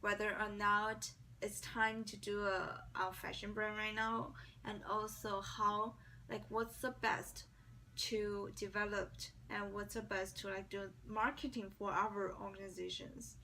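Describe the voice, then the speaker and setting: Answering mock job interview questions, a young non-native English speaker from China, with a Chinese accent, keeps restarting and uses plenty of fillers. She speaks a little slowly at medium pitch, with a flat delivery and a bright, forceful tone. The mic is distant, with faint background noise.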